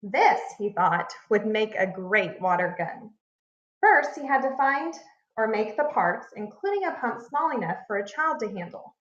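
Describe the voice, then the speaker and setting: This is a woman, a little high in pitch, narrating a picture book for children the way a teacher would, with deliberate, expressive emphasis on key words. It was captured in an echoey room with slightly muffled sound.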